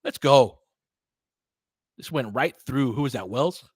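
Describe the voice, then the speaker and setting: At a slow pace and medium pitch, a man with a breathy edge calls live basketball play-by-play, recorded clean in a studio with no echo. He's the host and commentator, openly biased toward his team, firing off short, clipped, casual phrases and reacting emotionally to every play.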